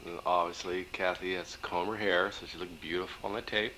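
A man's voice: low-pitched, fairly even intonation, a little fast, pushed and bright, slight background noise. A man narrating and coaxing a toddler while filming a home video, heard from an old VHS tape through the camcorder's built-in mic. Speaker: family member filming at home. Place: home living room on Christmas morning. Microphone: camcorder built-in mic, operator behind camera.

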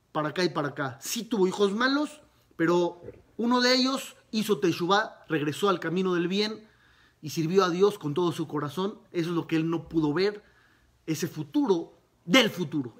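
A man, a rabbi, teaching a Talmud lesson, retelling a story with lively narration and rhetorical questions. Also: high voice.

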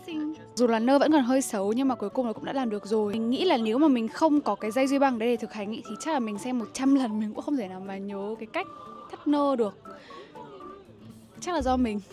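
A woman's voice: fairly high pitch, fast talker, warm tone, soft background music. A young woman vlogging casually to her viewers about study tips, chatty and self-deprecating, sounding words out as she practises. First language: Vietnamese. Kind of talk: casual vlog talk to viewers.

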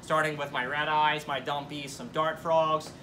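A young man's fairly high voice, with little pitch movement and a normal pace, narrates a casual tour of a shop's indoor showroom full of terrariums. He addresses viewers directly and enthusiastically as he shows things around. Terrarium room ambience and background noise come through clearly.

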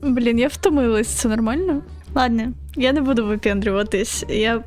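A woman's voice: a little high, moderate pace, darkish tone, soft background music. A young woman streaming a game, chatting casually and squealing and laughing when she gets scared. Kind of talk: casual gaming commentary.

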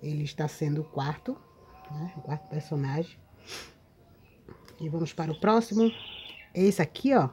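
A woman's voice: low-pitched, steady tone, moderate pace, pauses often, darkish tone. A woman with a Brazilian Portuguese accent, chatting casually to viewers while showing crafts, recorded outdoors in a windy spot. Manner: chatty, addresses viewers often with tag questions. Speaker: paper craft video maker. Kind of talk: casual show-and-tell vlog.

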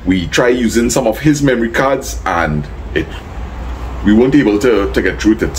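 A man's voice: on the low side, a little hiss or hum, low-quality recording. A man with a Trinidadian accent, chatting casually to his viewers and thanking people by name. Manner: easygoing, thanks people by name, gives plain advice. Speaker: vlogger. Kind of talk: casual vlog chat.

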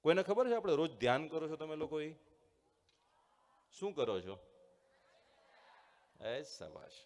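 A man who is a former student giving a motivational speech with a story to schoolchildren, earnest, acting out voices and slowing down for key points. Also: a little high, very animated, darkish tone. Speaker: guest speaker, former student addressing schoolchildren. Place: large hall at a school event. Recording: long hall reverb.

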